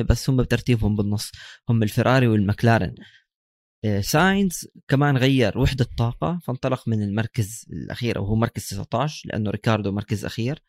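A man with a Levantine Arabic accent discusses sport casually as a co-host. He talks very fast at a medium pitch, recorded dry with almost no room sound. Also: a little mellow, dry recording. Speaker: motorsport podcast co-host.

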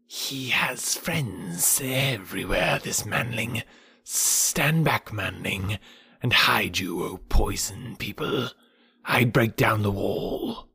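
Storybook python, ancient and huge, coolly menacing: hissing, very husky whisper with gravelly creak. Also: male voice, on the low side, sharp tone, no echo, heavily acted. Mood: slow, menacing. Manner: slow, drawn-out, deliberate speech. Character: huge old male python, slow, coolly menacing hunter.

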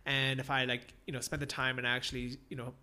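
A man's voice: mid-range voice, monotone, fast, bright, forceful tone. An American man hosting a casual interview, talking in a rambling way with many fillers and frequent laughs. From United States. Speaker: podcast host.

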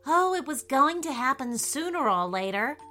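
A woman's voice: sits high, big pitch swings, moderate pace, pushed and bright, faint music behind, voice pushed up, exaggerated voice. A woman voicing a sensible, matter-of-fact female dinosaur in disguise in a storybook reading. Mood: resigned. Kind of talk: storybook character voice.

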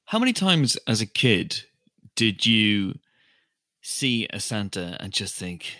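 Man, Northern Irish accent, bright sharp tone, dry close sound, casual podcast banter, mock-indignant. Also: on the low side, big pitch swings, slow pace, no echo. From Northern Ireland. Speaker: film podcast host. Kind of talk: casual film discussion.

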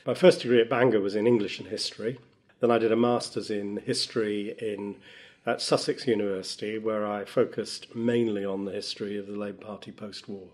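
A man's voice: on the low side, fairly even intonation, a little fast, darkish tone. A middle-aged man from Wales, a former politician answering interview questions thoughtfully, with frequent fillers. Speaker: guest, professor and former politician.

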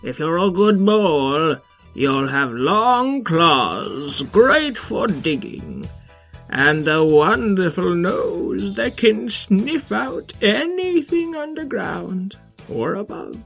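A narrator doing a slow, high mole teacher. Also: very animated, gravelly, fairly bright tone, faint music behind, full character voice. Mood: instructive. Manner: slow, drawn-out teacherly instruction.

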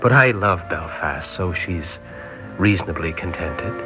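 In an old radio drama, an actor with a low, expressive, unhurried voice plays a nineteen-year-old seaman from Northern Ireland, polite and hesitant, using formal British phrasing while fondly reminiscing. The old recording sounds dull, with music in the background.

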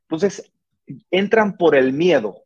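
A man who is an army sergeant speaks earnestly in an interview, trips over his words and restarts often. His voice is slightly husky and pitched a bit high. The recording is close and dry, with a slightly dull tone. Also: expressive, slow pace, a little mellow. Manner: earnest, explanatory, many restarts and hesitations. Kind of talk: conversational interview.

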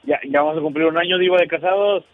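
A man's voice: a little high, fast talker, no echo, faint music behind. A man in his thirties from Mexico, calling in on the phone and answering in easygoing, brief replies. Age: 30s. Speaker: caller. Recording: tinny phone line.

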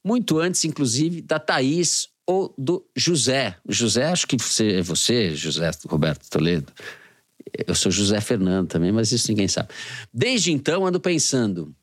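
A man's voice: mid-range voice, animated, moderate pace, no echo, studio quality. A man with a Brazilian Portuguese accent co-hosting a political podcast, reading listener letters aloud in a wry, playful way. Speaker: podcast co-host.

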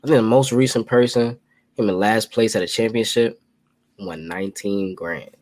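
A man in his twenties co-hosting a podcast, talking in a slangy, animated way with lots of "yo" and "you know what I'm saying". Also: on the low side, normal speed, dry recording. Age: 20s. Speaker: podcast co-host. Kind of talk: casual chat.

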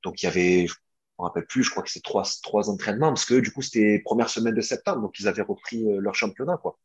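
A young man, a former footballer, telling a long story in a casual interview, animated, with lots of fillers and restarts. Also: lowish voice, quick pace, slightly rough, dull audio.

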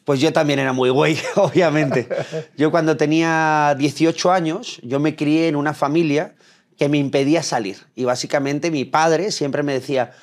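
A man's voice: on the high side, fairly even intonation, normal speed. A young adult man from Spain with a Madrid accent, answering interview questions about dating in an earnest, storytelling way. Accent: Madrid Spanish. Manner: earnest, storytelling, frequent restarts. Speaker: dating coach guest. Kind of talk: interview conversation.

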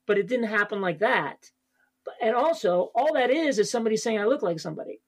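Animated and quick, a husky-sounding comic with a high male voice rambles through a casual podcast appearance, leaning on fillers and frequently restarting.

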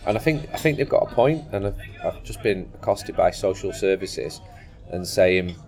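A man's voice: deep voice, animated, moderate pace, darkish tone, faint music behind. A man talking on a football podcast with dry, self-mocking humour. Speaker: podcast guest. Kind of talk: casual football podcast chat.

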